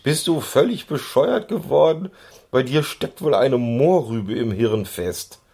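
A man voicing a grumpy, sharp-tongued pony who scolds his friend. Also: mid-range voice, animated, a little slow, gravelly, breathy edge, pitched above the performer's own voice, exaggerated voice. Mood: indignant. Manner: scolding, indignant.

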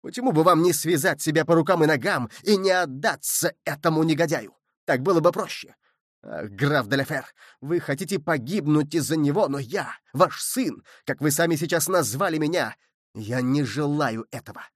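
A man's voice: on the high side, lively intonation, normal speed, no room sound, studio quality. A man voicing a hot-tempered young musketeer who speaks in a sarcastic, indignant way.

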